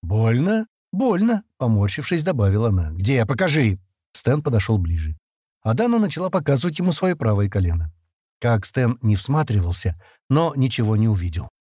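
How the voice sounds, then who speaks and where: A man narrating an audiobook in an even storytelling manner. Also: lowish voice, a little fast, husky, no echo, clean studio sound. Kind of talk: scripted narration.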